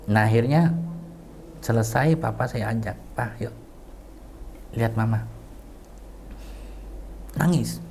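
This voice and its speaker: A middle-aged man, an interview guest, tells a personal story with feeling, acting out the dialogue and sometimes sinking to a hushed near-whisper. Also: medium pitch, gravelly, slight background noise. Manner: emotional retelling that acts out quoted dialogue; drops to a hushed near-whisper at tender moments. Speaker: community founder, interview guest.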